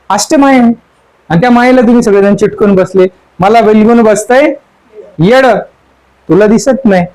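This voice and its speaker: A man with a high-pitched voice gives a sermon, teaching through the words of a song. He repeats the same line over and over and keeps asking his listeners what it means. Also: darkish tone, low-quality recording. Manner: asks the audience question after question. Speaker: spiritual teacher. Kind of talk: sermon explaining song lyrics.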